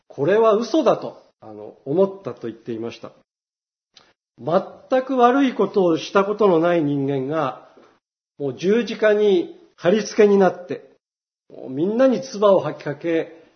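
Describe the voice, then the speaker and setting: Male pastor giving an earnest sermon, somewhat high voice, muffled low-fidelity sound. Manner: earnest preaching, swells loud on emphasis. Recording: dull lo-fi recording.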